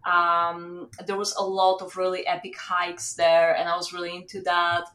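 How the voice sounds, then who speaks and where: Soft-pitched Polish-born woman with many fillers. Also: monotone, normal speed. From Poland. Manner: hesitant, many fillers and restarts. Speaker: startup founder guest. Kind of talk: casual interview chat.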